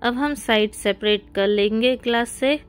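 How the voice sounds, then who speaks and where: Woman, cooking host, recipe voice-over, friendly step-by-step instructions, fairly high voice, faint music behind. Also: unhurried, clear, resonant tone. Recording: soft background music.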